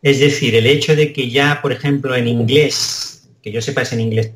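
A man's voice: medium pitch, fairly even intonation, moderate pace, reverberant. A man from Spain with a Spanish accent, a translation professor answering interview questions thoughtfully, with hesitant restarts. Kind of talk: conversational interview.

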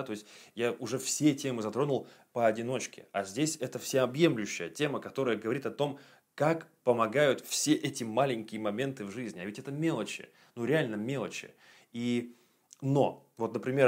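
A man in his late twenties giving a casual self-improvement monologue for his video channel, blunt and profane, with frequent fillers. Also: medium pitch. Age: 20s. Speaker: video blogger.

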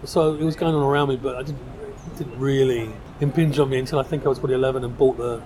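In a rough recording, a middle-aged South London designer speaks fast in a steady, dark, medium-pitched voice while guesting on a podcast. He chats informally and discursively in a pub, the hubbub of a busy crowd behind him.

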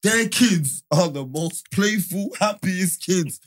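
A man's voice: high voice, expressive, takes it slowly. A man talking casually and emphatically on a group podcast, repeating words for emphasis. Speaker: podcast co-host.

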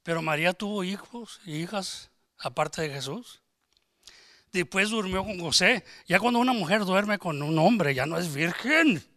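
A man's voice: high voice, lively intonation, unhurried, pushed and bright, dry recording, studio quality. A man preaching a sermon, emphatic, asking rhetorical questions and acting out conversations.

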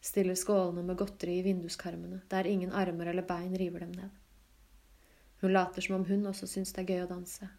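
A woman reading literary fiction aloud in a calm, even, low-key way. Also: vocal fry. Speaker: audiobook reader. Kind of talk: scripted literary narration.

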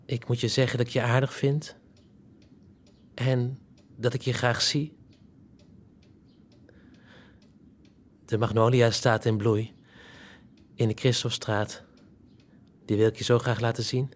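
A man's voice: medium pitch, flat delivery, unhurried, pauses often, close to an everyday voice. An actor playing a lovesick, remorseful young man who talks in a pleading, confessional way in an audio drama. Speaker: main character.

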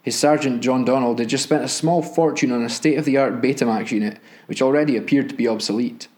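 A man reads a crime novel aloud in steady, measured audiobook-style narration. His voice sits in a middle register with an even delivery. He is a podcast host taking a turn as reader. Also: mid-range voice.

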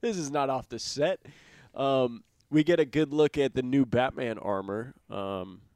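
A man co-hosting a podcast in casual chat, relaxed and loose, saying "dude" often and trailing off in fillers. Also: mid-range voice, unhurried, clear, resonant tone, no echo, clean studio sound. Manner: laid-back, says "dude" a lot, trails off with fillers. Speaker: podcast co-host.

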